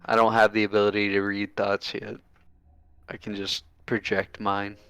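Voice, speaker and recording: A man playing a tabletop game who talks in a calm, matter-of-fact way. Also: lowish voice, normal speed, faint music behind. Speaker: player. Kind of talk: casual tabletop game talk.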